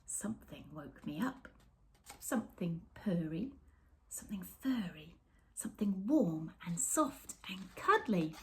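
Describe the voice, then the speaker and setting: Reading a picture book aloud to kids, a middle-aged woman speaks in a fairly low pitch, with a little hiss or hum on the recording. She's indoors in a small room with bookshelves, animated and dramatic, pausing for effect, dropping to whispers and chatting to young viewers in asides.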